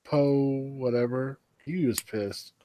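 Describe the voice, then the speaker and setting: A man's voice: mid-range voice, takes it slowly, dark tone, dry recording. A man chatting casually as a streamer, rambling conversationally and often trailing off. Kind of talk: casual chat on a livestream.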